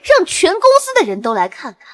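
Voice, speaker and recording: Spiteful scheming mistress, very high voice, lively sneering delivery. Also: female voice, a little fast. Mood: cruel, shouting. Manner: sneering, taunting, shrill. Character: arrogant cruel young mistress, scheming and spiteful. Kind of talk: short drama acting.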